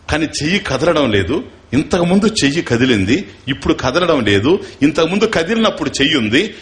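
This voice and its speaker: A man's voice: mid-range voice, a bit bright. A man teaching as a spiritual teacher in a scripture discourse, asking his listeners rhetorical questions and chanting verses.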